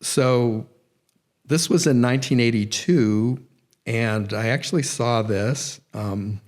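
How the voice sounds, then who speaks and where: In a nature center's event room, a middle-aged guest lecturer gives a public talk in a medium-pitched voice, taking his time. His speech wanders, with frequent self-corrections and lots of filler words.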